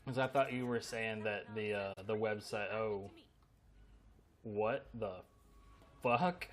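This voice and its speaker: A man's voice: lowish voice, slow pace. Man streamer bantering and swearing. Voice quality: swears freely, dry joking banter. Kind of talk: casual live-stream chat while gaming.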